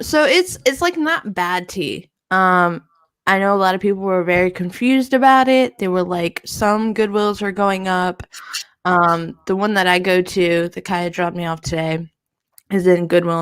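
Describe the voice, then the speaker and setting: A woman chats on a live podcast in a lower register. She rambles through her stories and laughs often. Her voice sits close and dry on the mic. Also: unhurried, a bit bright, clear, resonant tone, no echo. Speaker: podcast co-host. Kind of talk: casual chat.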